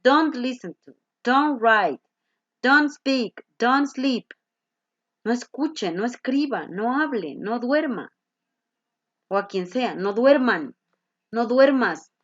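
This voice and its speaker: Slow-talking woman teacher, dull lo-fi sound. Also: medium pitch, no room sound. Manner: patient, checks in with "¿cierto?" and "¿no?". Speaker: English teacher. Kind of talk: explaining grammar to a class.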